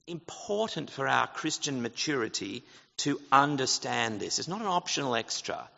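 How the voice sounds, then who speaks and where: A man's voice: mid-range voice, creaky, sharp tone. A man preaching a sermon as pastor, earnest and explanatory, asking his congregation rhetorical questions. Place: church. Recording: church hall reverb, dull lo-fi sound.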